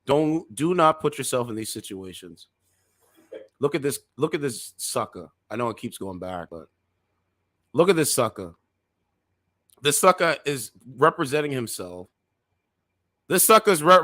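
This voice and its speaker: A man in his thirties does reaction commentary on his channel, sounding heated and preachy and erupting into loud outbursts. His middle-pitched voice is recorded close and dry, with no room sound or echo.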